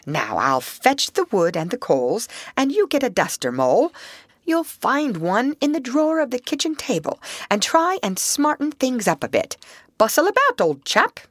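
A woman voicing a brisk, cheerful male water rat who talks in a bright, hearty, bossy way. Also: deep voice, no room sound, clean studio sound. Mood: cheery.

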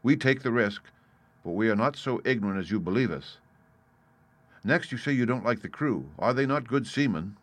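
A man voicing a composed, shrewd gentleman doctor in an audiobook, measured and courteous in manner. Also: medium pitch, animated, no room sound, pitched above the performer's own voice, close to an everyday voice. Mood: calm, reasoning. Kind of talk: audiobook character voice.

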